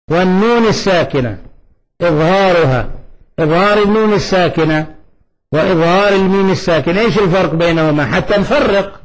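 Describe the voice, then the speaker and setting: A man's voice: high voice, poor audio. A man teaching a Quran recitation lesson, asking his students questions and sounding out letters to show how they are made. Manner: quizzes students and demonstrates letter sounds aloud.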